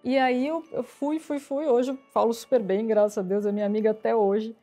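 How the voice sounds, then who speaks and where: Lively woman telling stories. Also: on the high side, a little fast, faint music behind. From São Paulo, Brazil. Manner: lively storyteller acting out quoted dialogue. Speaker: interview guest, IT executive. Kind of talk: casual storytelling interview.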